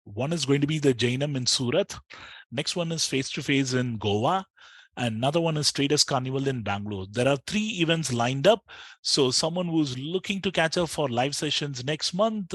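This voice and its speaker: A man's voice: mid-range voice, dry recording. A man with an Indian accent giving live trading commentary as a streamer, talking conversationally and straight to his viewers.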